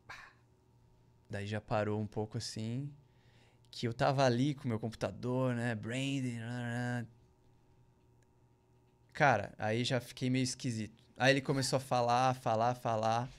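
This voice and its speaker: Smooth and steady in tone, this medium-pitched man speaks at a measured pace with long pauses. A podcast guest, he spins a long, rambling, slangy story full of "cara" and "velho" asides, raising his voice to act out what others said.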